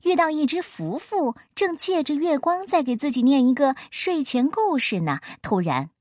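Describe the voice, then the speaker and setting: A woman reads a children's picture book aloud in a playful, expressive way, her voice swooping high and low. Her voice sits a little high and is recorded close and dry. Gentle music plays faintly underneath. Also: moderate pace, no echo. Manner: playful, expressive, rising and falling voice. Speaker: storyteller.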